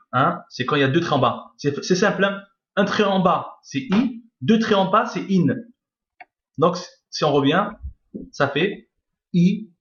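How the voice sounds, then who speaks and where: A man teaching a reading lesson, patient, repeating each point and checking that his listeners follow. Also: medium pitch. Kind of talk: screen-recorded reading lesson. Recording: lo-fi echoey room.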